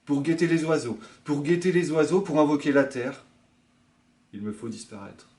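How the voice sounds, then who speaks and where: A male librarian reading a poem aloud in a quiet, hushed, measured way. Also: a little high. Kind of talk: poetry reading.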